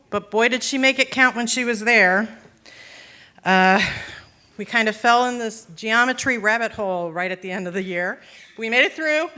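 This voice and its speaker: Bright-voiced woman teacher. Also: fairly high pitch. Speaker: teacher introducing a graduate. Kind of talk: graduation speech.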